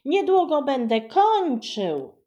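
A woman voicing a noisy, eager little boy who shouts to show off. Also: high-pitched, very animated, slow pace, voice pushed up, exaggerated voice. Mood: eager loud.

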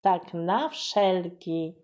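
A woman reading a story aloud to children in a gentle, teacherly manner. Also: fairly low pitch, lively intonation, drawn-out words.

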